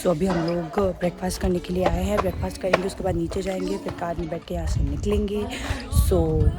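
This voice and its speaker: A woman's voice: lowish voice, fairly even intonation, a little fast, over loud music. A young Indian woman talking casually to her camera as a travel vlogger, chatty and sounding tired and a little bored. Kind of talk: casual vlog narration to camera. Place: outdoors and in a car on a road trip. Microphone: handheld phone or camera. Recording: loud outdoor and traffic noise.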